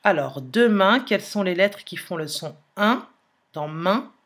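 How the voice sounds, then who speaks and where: A woman teacher, slowly dictating a sentence and spelling out letters in a phonics lesson. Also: medium pitch, expressive. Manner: slow, careful dictation, repeating and spelling letters aloud.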